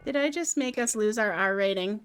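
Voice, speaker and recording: A woman streaming a game live, chatting in a joking, self-mocking way, her voice a bit rough from being sick. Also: mid-range voice, a little fast, soft background music. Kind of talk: live gameplay stream chat.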